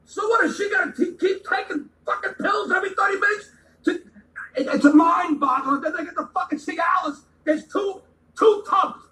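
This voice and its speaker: Brief: man, high bright voice, heated comic rant, stammers and swears, recorded off-mic in a roomy space. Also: moderate pace, recorded from a distance. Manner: shouting, stammering repeats, swearing. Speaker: ranting guest segment speaker. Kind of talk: angry comedic rant. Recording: echoey room, away from the mic.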